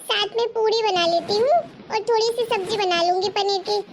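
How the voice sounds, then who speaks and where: A caring young daughter-in-law in a cartoon story, as a woman acts her out, polite and coaxing toward her family. Her voice is very high and thin. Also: moderate pace, background noise. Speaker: cartoon character. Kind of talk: Hindi cartoon story voice acting.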